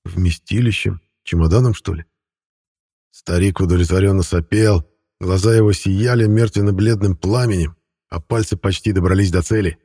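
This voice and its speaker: A man reads a fantasy audiobook in the first person, wry and even in his telling. His voice sits low and has a husky grain, and the sound is close and dry with no room around it. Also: normal speed, no echo. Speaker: audiobook narrator. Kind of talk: scripted first-person narration.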